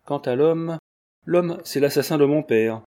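A man's voice: a little high, measured pace, mellow, pitched above the performer's own voice, close to an everyday voice. A man voicing a shaken, despairing young woman who speaks in broken phrases.

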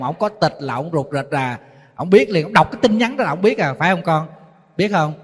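A man, a Buddhist monk with a Southern Vietnamese accent, giving a sermon full of lively stories and acted-out quoted voices. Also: high voice. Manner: storytelling, acting out quoted voices, teasing. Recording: long hall reverb.

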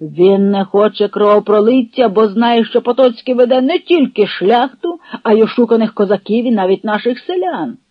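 A reader voicing a steady Cossack elder who addresses the crowd in a measured, oratorical way, in an old radio recording. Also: mid-range voice, no echo, dull audio, natural voice. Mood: earnest. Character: Cossack elder calm, steady, pleading for peace.

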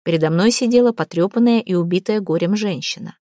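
A woman's voice: mid-range voice, fast, warm tone, no echo, clean studio sound. A woman reading a first-person novel aloud as an audiobook narrator, acting out the dialogue with drama. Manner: dramatic reading, voicing the quoted lines. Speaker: audiobook reader.

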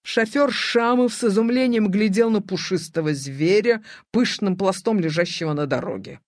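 A narrator reading a children's story aloud in an expressive, animated storytelling manner, close to the mic. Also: medium pitch, moderate pace, no room sound.

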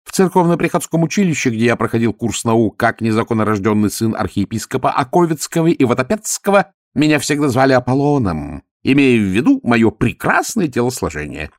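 A man voicing a bombastic, flattering male swindler who talks in a florid, excitable way in an audiobook. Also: medium pitch, fairly quick, few pauses, no room sound, clean studio sound, voice pushed up, close to an everyday voice. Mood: boastful. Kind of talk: audiobook character voice.

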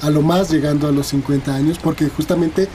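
A man's voice: fairly high pitch, steady tone, brisk, dark tone, slight background noise. A man with a Mexican accent, a guest linguist explaining things in an interview, hesitant and full of fillers and tag questions.

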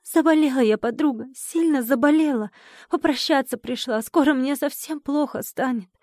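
A woman's voice: on the high side, steady tone, a little slow, darkish tone, no room sound, studio quality, pitched above the performer's own voice, close to an everyday voice. A woman voicing a sick young village woman who speaks in a tearful, urgent way. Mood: distraught.

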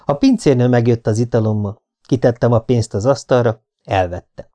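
Reading aloud a hard-boiled novel told in the first person, this audiobook narrator has a medium-pitched, warm voice. His manner is dry and laconic.

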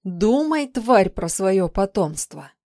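A woman reading an audiobook, voicing a volatile, spiteful young woman who snaps and turns shrill. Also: fairly even intonation, a little fast, dark tone, no room sound, clean studio sound, close to an everyday voice. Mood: vicious. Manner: snapping, spiteful, shrill when angry. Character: volatile, vicious young woman called the shadow. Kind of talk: audiobook character voice.

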